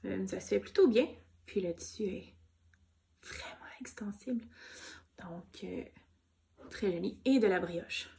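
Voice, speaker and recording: A woman with a Québécois accent chatting casually about her knitting projects, soft-spoken and gushing, with many fillers. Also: mid-range voice, measured pace, gravelly, pauses often. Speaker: knitting vlogger. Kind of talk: casual show-and-tell chat.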